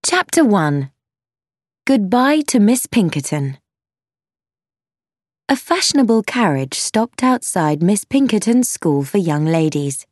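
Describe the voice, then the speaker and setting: A woman reading a simplified classic novel aloud, in clear, expressive storytelling narration. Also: mid-range voice, slow, pauses often, dry recording, studio quality. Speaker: audiobook narrator.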